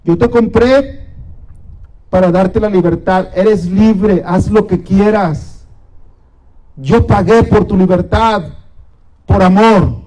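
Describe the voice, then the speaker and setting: A male preacher voicing a kind man who calmly tells a slave she is free. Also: high voice, low-quality recording. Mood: gentle. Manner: slow, gentle, deliberate. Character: kind man freeing a slave, calm and gentle.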